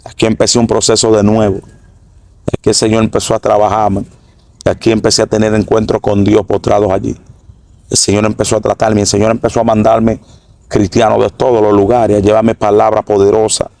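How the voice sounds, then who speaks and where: A middle-aged man giving an earnest, halting religious testimony that repeats phrases. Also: fairly low pitch, gravelly, a little mellow, dry recording. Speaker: former drug trafficker giving testimony.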